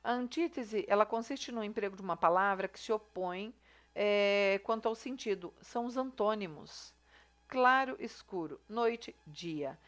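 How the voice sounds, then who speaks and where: A woman's voice: medium pitch, a little slow, a bit bright. A woman teacher explaining a review lesson in a chatty way, often checking in with her students. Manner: chatty, explaining step by step with frequent "tá?" and "né?". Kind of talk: recorded class review lesson.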